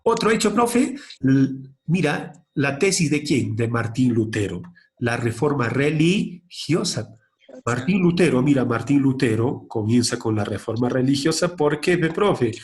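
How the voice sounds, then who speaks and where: A man teaching a class of young students in a history lesson. He keeps asking questions and then answers them himself, with his pitch jumping up and down as he talks. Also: big pitch swings, a little slow.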